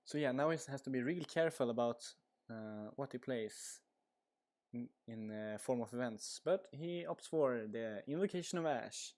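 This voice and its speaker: This man's medium-pitched voice moves at a moderate pace and sounds a little mellow. With a Swedish accent, he rambles through casual live commentary on a card game stream, full of fillers, over a headset mic.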